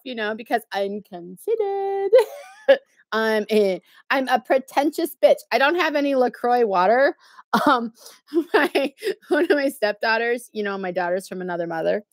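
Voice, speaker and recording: A woman's voice: high voice, animated, moderate pace, dry recording, studio quality. A middle-aged woman chatting casually on a livestream, sassy and snarky, laughing often and filling gaps with lots of ums. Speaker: YouTube live streamer.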